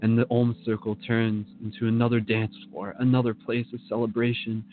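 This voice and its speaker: A man leading a guided meditation in a slow, soothing manner, speaking to the listener in the second person. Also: mid-range voice, level tone, phone-quality sound.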